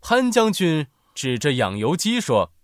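A man narrating a children's story in an expressive, animated way. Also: a little high, a little slow, no room sound, clean studio sound.

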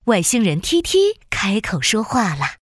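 A woman narrator reading a scripted children's story in an animated storytelling style. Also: medium pitch, unhurried, breathy edge, no echo, clean studio sound.

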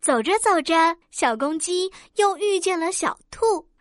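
A woman narrating a children's story gently and clearly, speaking to young listeners. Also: very high voice, expressive, measured pace, dry recording, studio quality.

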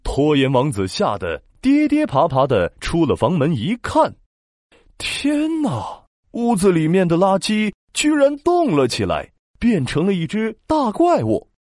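A man narrating a children's story in a dramatic, expressive storytelling manner. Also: a little high, normal speed, few pauses, dry recording, studio quality. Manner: dramatic, expressive, with sound-word emphasis.

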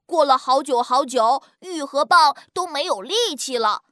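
Give me a woman with a high voice narrating a children's story gently. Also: no room sound, clean studio sound. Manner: gentle, expressive, slow-paced.

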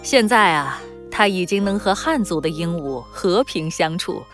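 A woman playing a calm, clever empress dowager who explains with composure in a children's audio drama. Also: on the low side, unhurried, soft background music. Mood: pleased, assured.

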